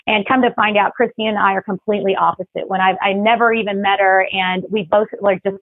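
A woman from the Philippines, raised in Texas, talking quickly and chattily as an interview guest, laughing often. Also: mid-range voice, fairly even intonation, no room sound, narrow, tinny audio. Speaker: guest, business services rep. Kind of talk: casual interview.

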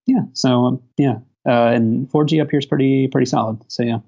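A man co-hosting a casual chat from a hotel, heard through a low-quality internet stream, talking in halting bursts with repeated words. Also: steady tone, vocal fry, warm tone. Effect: low-quality internet stream over phone hotspot. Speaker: podcast co-host. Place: hotel, calling in remotely. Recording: muffled lo-fi remote call.

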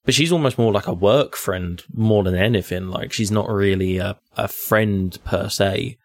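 Low, hesitant man chatting. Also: normal speed, no room sound. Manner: hesitant, restarts and repeats words. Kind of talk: casual chat about a video game.

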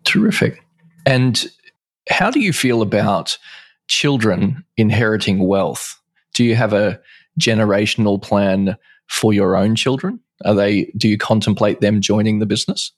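A man's voice: fairly low pitch, unhurried, no echo. A man hosting a business interview, asking questions in an affable, encouraging way. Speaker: interviewer, podcast host. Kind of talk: conversational interview.

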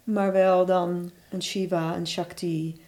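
A woman's voice: on the low side, little pitch movement, slow, darkish tone. A woman hosting a podcast interview, listening attentively and answering with short affirmations. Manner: attentive, responsive, gives frequent short affirmations. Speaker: podcast host. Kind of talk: conversational interview.

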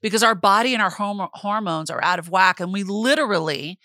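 Middle-aged woman, podcast co-host, bright voice, dry close sound. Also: mid-range voice, brisk, no room sound. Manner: animated, laughs often, faith-based talk. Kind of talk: casual chat.

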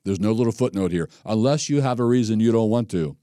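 A man's voice: on the low side, quick pace, dry recording, clean studio sound. A male pastor teaching a sermon in a conversational way, acting out the scripture and the people he quotes. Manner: conversational, animated, acts out scripture and quoted speech.

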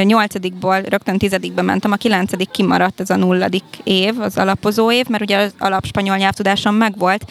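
A woman chatting casually as a podcast guest, often pausing to search for words. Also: medium pitch, gravelly. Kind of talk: casual conversational interview.

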